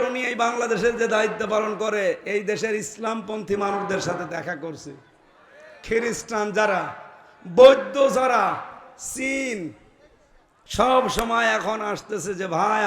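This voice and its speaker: A man preaching a fervent sermon to a gathering, shouting key phrases for emphasis. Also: high voice, roomy sound. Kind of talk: waz sermon. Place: outdoor religious gathering with PA.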